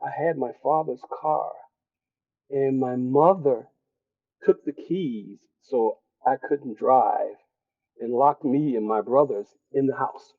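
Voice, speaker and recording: A man's voice: mid-range voice, slow, no echo. Older detroit guy telling old stories, chuckles a lot, muffled dry sound. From Detroit, USA. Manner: reflective storyteller, chuckles often, restarts phrases. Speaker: guest. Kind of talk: relaxed career interview.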